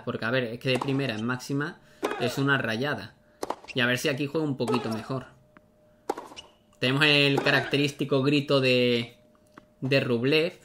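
A man giving excitable, casual commentary on his own gameplay, talking to himself as he plays. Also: medium pitch, background noise. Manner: excitable, talks to himself while playing. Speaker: gaming YouTuber.

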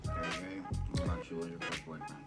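A man's voice: deep voice, huge pitch swings, quick pace, over loud music. A young man hosting casual banter at a home table, teasing in slangy speech. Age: young adult. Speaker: challenge host. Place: home dining room.

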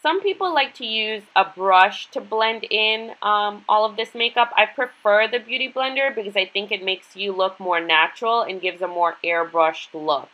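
Bright, congested, nasal young woman. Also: mid-range voice, normal speed, hardly any pauses, highs cut off. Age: 20s. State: nasal, congested from being sick. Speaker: beauty vlogger. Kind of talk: makeup tutorial narration, casual. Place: small bedroom, indoors.

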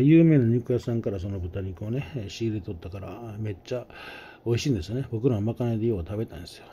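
Mellow-voiced Kansai storyteller man. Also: lowish voice, slight background noise. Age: middle-aged. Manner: chatty, folksy, acts out the voices. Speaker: storyteller host. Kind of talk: casual anecdote telling.

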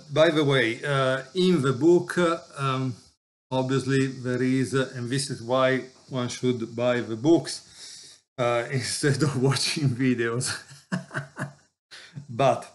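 Slow, halting man. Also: medium pitch. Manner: slow, halting, many fillers, chuckles to himself. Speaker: chess video host. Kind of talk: casual chess lesson.

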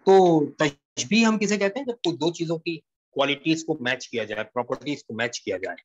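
A man giving a poetry lesson, explaining slowly and repeating key lines while switching between Hindi-Urdu and English. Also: fairly high pitch, expressive, muffled recording. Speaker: English literature teacher. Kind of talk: classroom-style poetry lecture.

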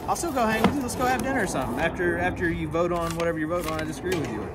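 Animated man unboxing outdoors. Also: a little high, racing, music in the background. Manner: chatty, animated, jokey asides. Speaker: storage unit vlogger. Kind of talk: casual unboxing chat to camera. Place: outdoors at storage units. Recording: outdoor recording with clear background noise.

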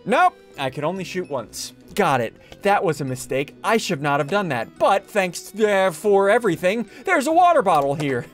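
A young man giving excited gameplay commentary, swinging between loud outbursts and quiet muttering. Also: high-pitched, normal speed, hardly any pauses, soft background music. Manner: animated, jumps between shouting and muttering. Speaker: gaming video host.

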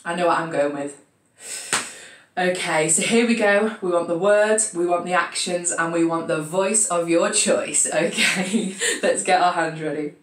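A British woman music teacher leading a children's lesson, encouraging them and chanting a rhyme in a slow, steady beat. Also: fairly low pitch, a little hiss or hum. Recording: echoey room from a distance.

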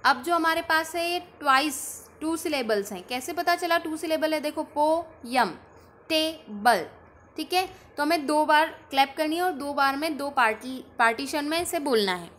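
A woman with an Indian accent teaching an online English class to young children, drilling words slowly one by one and asking her pupils many questions. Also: high voice, a bit bright, slight background noise.

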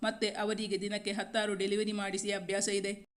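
A woman reading a gentle young husband. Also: mid-range voice, completely flat delivery, normal speed, lightly acted. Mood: reassuring. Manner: soft, soothing.

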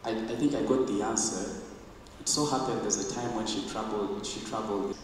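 A young man with a Ugandan accent speaks at a funeral, pausing often as he searches for words. His lowish voice rings through a roomy church hall, picked up from a distance with steady background hiss. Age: young adult. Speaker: grandson giving a eulogy. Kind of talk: funeral eulogy. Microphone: handheld mic. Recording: echoey church from far off.

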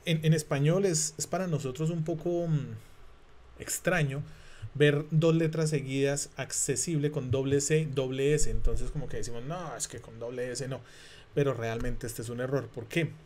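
A man from Latin America, a native Spanish speaker, teaching an English exam lesson in a relaxed, chatty way, thinking aloud with many fillers and restarts. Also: medium pitch. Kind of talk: casual online lesson.

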